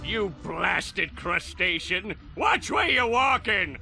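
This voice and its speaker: A man's voice: high-pitched, lively intonation, slow pace, creaky, sharp tone, full character voice. A man voicing a tiny, megalomaniac plankton villain in a cartoon game, grandiose, indignant and blustering. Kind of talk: animated game cutscene acting. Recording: game music behind the voice.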